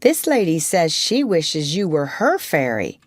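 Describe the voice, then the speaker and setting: A woman voicing Peter Pan, a cocky, cheerful boy who never grows up, in a high, boyish, boastful tone for an audiobook. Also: sing-song, measured pace, no room sound, clean studio sound, exaggerated voice. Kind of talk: audiobook character reading.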